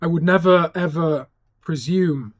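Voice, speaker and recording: A man's voice: fairly high pitch, unhurried, no echo, clean studio sound. A man talking casually and jokily as a guest in an interview. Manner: jokey, given to laughter. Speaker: town crier, interview guest.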